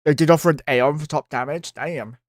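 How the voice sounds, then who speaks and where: Male streamer, fairly high voice. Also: a little fast, no room sound, studio quality. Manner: casual, thinking aloud, swears freely. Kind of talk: live game commentary.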